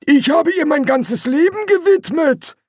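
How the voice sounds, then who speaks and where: A man's voice: extremely high pitch, unhurried, darkish tone, dry recording, studio quality, pitched above the performer's own voice. A man reading an audiobook, voicing a proud, naive old male explorer. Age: older. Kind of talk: audiobook character voice.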